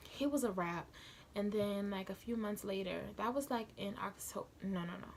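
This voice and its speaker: Chatty young woman with a gravelly voice. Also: medium pitch, moderate pace, darkish tone, slight background noise. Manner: chatty, slangy, dramatic retelling. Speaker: vlogger. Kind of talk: casual storytime. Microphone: phone camera.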